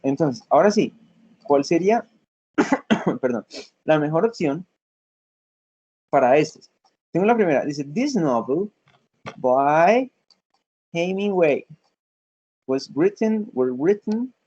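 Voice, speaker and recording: A male teacher walks through a lesson in a patient, step-by-step way, often pausing to check that his students follow. His voice sits a little high but sounds mellow and slightly husky. The recording is dull and lo-fi. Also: animated. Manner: patient step-by-step explaining, frequent check-ins. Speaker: English teacher. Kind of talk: classroom lesson.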